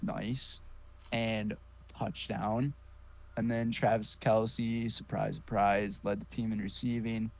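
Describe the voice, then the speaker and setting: A man's voice: lowish voice, little pitch movement, slow. A man co-hosting a sports podcast, talking casually and jokingly with lots of fillers. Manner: easygoing, joking, many fillers. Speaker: podcast co-host.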